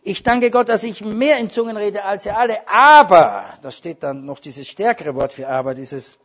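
A man preaching a sermon, emphatic, with loud stressed words and quieter asides. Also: sits high, moderate pace. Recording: dull lo-fi recording.

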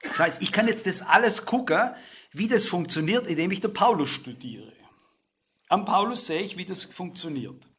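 A middle-aged man preaching a sermon, stressing words loudly and then dropping into quiet asides. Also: expressive, normal speed, slightly rough. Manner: emphatic, swings between loud stress and low asides.

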